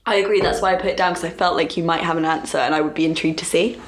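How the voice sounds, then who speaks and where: A young woman chats casually as a podcast co-host, her voice a little low. She muses and hesitates as she talks, with faint noise behind her. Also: fairly even intonation, very fast. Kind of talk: casual chat.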